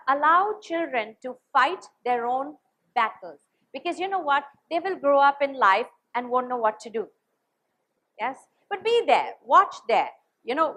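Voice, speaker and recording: High-voiced woman giving a motivational talk. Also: low-quality recording. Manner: animated storyteller, asks the audience for agreement. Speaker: motivational speaker.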